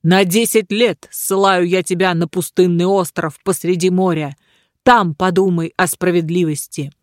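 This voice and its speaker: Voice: medium pitch, fairly even intonation, moderate pace, no room sound, studio quality, lightly acted. A reader voicing a stern male caliph who passes judgment in an audiobook, speaking in a commanding way. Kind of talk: audiobook reading.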